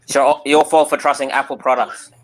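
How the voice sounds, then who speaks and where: A man's voice: medium pitch, little pitch movement, fairly quick, slight background noise, poor audio. A man joking and teasing in casual chat with friends on an online call.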